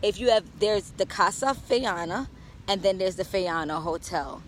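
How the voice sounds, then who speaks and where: A woman's voice: mid-range voice, moderate pace, slight background noise, low-quality recording. A woman from Jamaica ranting in a brash, profane, sassy way on a casual phone livestream, outdoors in the rain. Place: outdoors in rainy weather.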